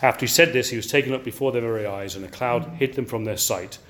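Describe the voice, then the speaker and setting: Older english guy preaching, lively, keeps asking the crowd "yeah?". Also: medium pitch, fast talker. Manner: animated, asks the audience rhetorical questions. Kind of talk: sermon.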